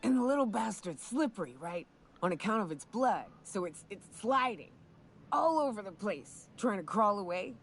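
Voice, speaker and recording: A woman's voice: medium pitch, lively intonation, normal speed, a little hiss or hum, close to an everyday voice. Woman playing a boozy, swaggering frontier hunter. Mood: boozy storytelling. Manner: boozy, rambling, drawling folksy delivery with stumbles. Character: drunk, swaggering frontier woman monster hunter, crude and folksy. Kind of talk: video game dialogue acting.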